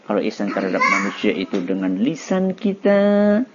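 Lively man quizzing a children's class. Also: fairly low pitch, moderate pace, heavy background noise. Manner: lively, quizzing students, laughing. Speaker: religious teacher. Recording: dull lo-fi recording.

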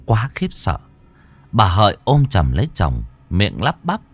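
A man's voice: fairly low pitch, wildly swooping pitch, a little slow, slightly rough. A man narrating a ghost story dramatically, switching into many character voices.

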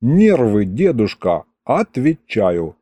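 A man's voice: medium pitch, sing-song, slow pace, dark tone, no echo. Man doing a slangy streetwise thug sidekick. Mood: laid-back. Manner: street slang, laid-back.

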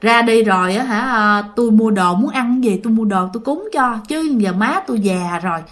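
A woman voicing a mother who gently pleads with a spirit, in a spoken ghost story. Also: fairly high pitch, animated, fairly quick, lightly acted. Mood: pleading. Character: pleading daughter-in-law begging a spirit.

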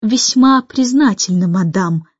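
Icily polite, composed nanny, lower and quiet, as the narrator plays her. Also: lively intonation, moderate pace, no echo, muffled recording. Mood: icy. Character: calm, icy, composed nanny.

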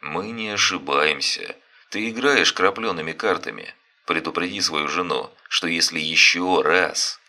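A man voicing a cold, menacing blackmailer who speaks slowly and deliberately over the phone. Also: low voice, bright, forceful tone, heavily acted. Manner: slow, deliberate, threatening.

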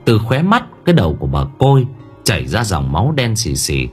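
A man's voice: on the low side, huge pitch swings, brisk, husky. A man narrating a horror story in a dramatic storytelling manner. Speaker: audiobook narrator. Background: faint background music.

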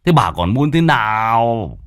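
Stern old patriarch, gruff, scolding, lively swings, a man putting him on, dry. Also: medium pitch, a little slow, no room sound. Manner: gruff, scolding, shouting orders. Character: stern wealthy old village patriarch, hot-tempered.

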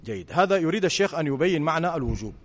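Sheikh teaching a class, high voice, checks in with students often, long hall echo. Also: male voice, animated, very fast. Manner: questioning students, checking understanding. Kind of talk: religious lesson explaining to students.

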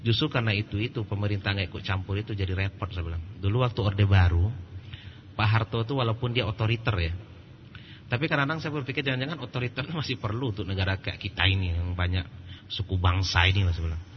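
A male preacher giving a religious lecture in a lively storytelling way, acting out quoted voices and laughing at his own jokes. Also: on the low side, fast. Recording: muffled lo-fi recording with faint background noise.

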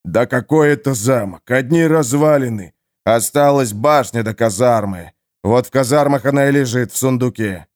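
A man's voice: medium pitch, moderate pace, a little mellow, natural voice. A man putting on a whining, begging jailer. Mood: grovelling. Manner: pleading, whining. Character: cowardly beaten male jailer, sly then begging.

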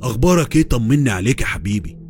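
A man's voice: medium pitch, expressive, rapid-fire, soft background music, natural voice. A man playing a grieving old father-in-law. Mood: tender. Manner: gentle, consoling, religious phrasing.

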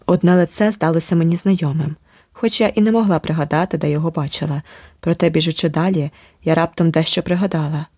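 A woman narrating an adventure audiobook in a steady, vivid storytelling manner. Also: low-pitched, quick pace, breathy edge, no echo, studio quality. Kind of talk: scripted narration.

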